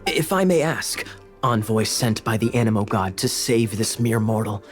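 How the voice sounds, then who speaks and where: An actor playing a theatrical, scheming cavalry captain in a video game, dramatic and grandiose, with music behind him. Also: male voice, fairly low pitch, expressive, normal speed, natural voice. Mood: mock pleading.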